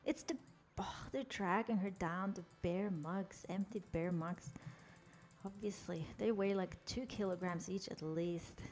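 A young woman from Norway, speaking a little slowly in a mid-range, darkish voice, streams her gameplay with a Norwegian accent over slight background noise. She jokes around with chat while narrating her character.

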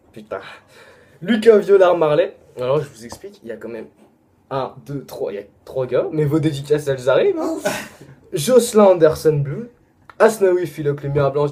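A young man with a French accent, rattling off a long list of names in a casual shout-out video, with quick asides and apologies. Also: a little high. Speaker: vlogger.

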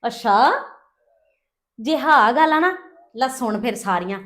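A woman's voice: fairly high pitch, expressive, unhurried, fairly bright tone. A woman acting a scheming young wife in a family skit, talking in a taunting, scolding way. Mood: defiant. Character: scheming young wife Pooja, boastful and sharp-tongued. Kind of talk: scripted family drama.

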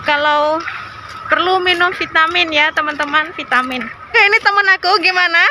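Bright, forceful, and very high-pitched, this young woman talks at a moderate pace, with slight background noise. She's vlogging in a crowded indoor stadium, phone at arm's length, chatting away to viewers she calls guys.

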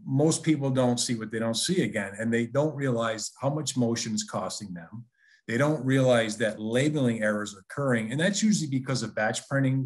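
A man giving a business webinar presentation in a conversational, persuasive way, often restarting his sentences. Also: mid-range voice.

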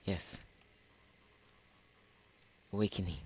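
A man's voice: low-pitched, steady tone, extremely slow, a little mellow, slightly rough, no echo. A man hosting a casual let's play, rambling and often correcting himself. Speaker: gamer, channel host.

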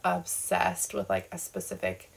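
A woman's voice: on the low side, level tone, unhurried, gravelly, breathy edge. A Canadian woman in her late twenties, chatting casually on her vlog, filling her talk with "like" and "um" and laughing at herself. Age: 20s. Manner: chatty, filler-heavy, self-deprecating with frequent laughs. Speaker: booktuber.

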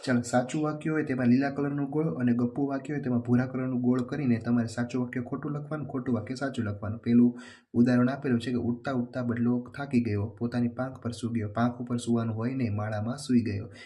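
A man going through a children's workbook as a teacher, reading questions and their answers aloud in a steady, plain way. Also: mid-range voice, fast talker.

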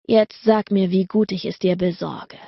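A woman voicing an intense adult male lover, speaking low and murmured with a rough, deep tone. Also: fairly even intonation, normal speed, dry recording, muffled recording. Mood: heated, breathless. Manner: low, murmured, breathy delivery.

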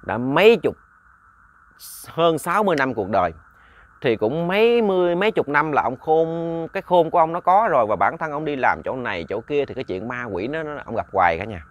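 A man's voice: a little high, sing-song, a little fast. A man narrating a ghost story in a chatty, casual way, often repeating words and talking to listeners like family.

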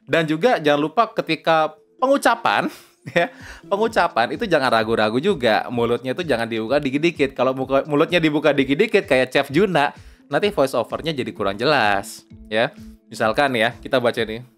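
A man's voice: mid-range voice, expressive, a little fast, a bit bright, soft background music. Chatty young man teaching voice-over. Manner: chatty, fillers like "ya" and "oke", mixes in English phrases. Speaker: voice-over tutor. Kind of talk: casual spoken tutorial. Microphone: close lapel mic.

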